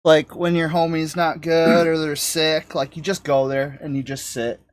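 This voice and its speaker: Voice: mid-range voice, level tone, moderate pace. A co-host on a livestream podcast, talking in a laid-back way and laughing often. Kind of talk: casual livestream chat.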